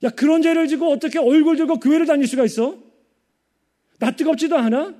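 A man's voice: very high-pitched, brisk, dark tone, pitched above the performer's own voice. A male preacher voicing Satan, who badgers a pastor with scornful accusing questions.

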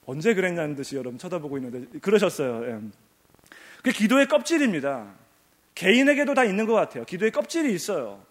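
A man's voice: sits high, very animated, quick pace, big-room sound. A male pastor preaching a sermon, emphatic and repetitive, asking rhetorical questions, in a church sanctuary.

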